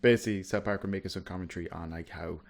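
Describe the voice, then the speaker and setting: A man with a very deep voice chats casually on a podcast. He is blunt and a little sweary, and he softens his views with hedges like "kind of" and "maybe". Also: steady tone, racing, gravelly. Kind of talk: casual chat.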